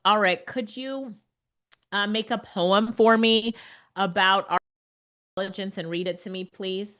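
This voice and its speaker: A woman hosting a live webinar, answering questions in a chatty, animated way. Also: mid-range voice, unhurried. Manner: chatty, animated, filler-heavy. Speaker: webinar host. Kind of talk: casual live Q&A.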